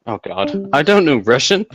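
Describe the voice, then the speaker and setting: A man's voice: a little high, very animated, slow pace, fairly bright tone, breathy edge, dry recording. A young man playing a tabletop game online, tossing out cheeky, teasing jokes and in-character banter. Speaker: player.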